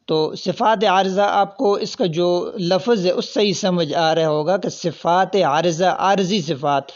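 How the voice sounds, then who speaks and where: A man with a fairly high voice works through past exam questions, reading out every option before he explains the right answer. His explanations are patient and step by step. The recording sounds dull and lo-fi. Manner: reads out options, then explains each answer. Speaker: teacher.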